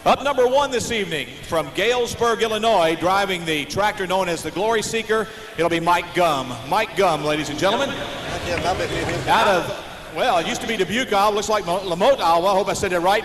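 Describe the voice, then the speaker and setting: An American man working as a tractor pull announcer, introducing competitors live with showy, drawn-out names. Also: high voice, fairly bright tone. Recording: noisy, echoing arena PA with long reverb.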